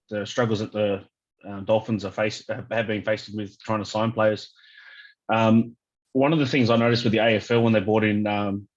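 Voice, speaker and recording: A man from Australia whose accent has a New Zealand tinge hosts a casual interview for a fan page, sounding hesitant and deferential. His voice is fairly low, and the recording is muffled.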